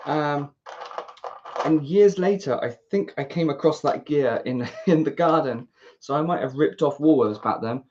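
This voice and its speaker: Unhurried and deep, this British woman's darkish voice comes through a dull lo-fi mic with a little background noise. A YouTuber putting together a model kit, she chats and rambles casually, talks to herself, and makes self-deprecating remarks.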